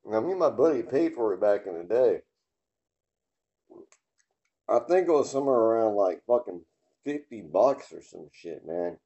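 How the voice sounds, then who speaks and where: Laid-back low-voiced rambling man. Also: lively intonation, normal speed, pauses often, warm tone, muffled recording. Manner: rambling, laid-back, swears casually, many fillers. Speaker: podcast host. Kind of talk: casual solo podcast rambling. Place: home garage.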